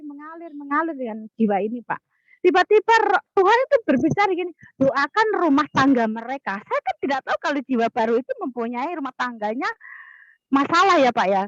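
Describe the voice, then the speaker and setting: A woman with a fairly high voice tells a personal testimony to her class over a video call. She speaks earnestly and haltingly and repeats herself. The audio is dull and dry. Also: no room sound. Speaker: participant in an online class.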